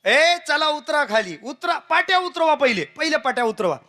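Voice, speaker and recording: Brief: man doing a bossy ticket inspector, high and sharp, barking orders. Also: very animated, normal speed, exaggerated voice.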